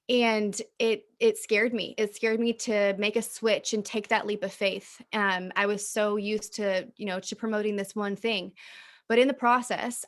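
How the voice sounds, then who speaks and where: A woman giving an upbeat, chatty recruiting pitch as a network marketing presenter, smiling as she talks. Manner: upbeat, smiling while talking; chatty, uses filler "like" and "um".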